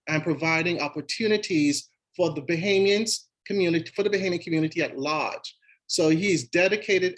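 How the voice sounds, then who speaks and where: A man's voice: on the high side, a bit bright, low-quality recording. A man hosting an event, reading speaker bios in a formal way and sometimes stumbling over names. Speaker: event host.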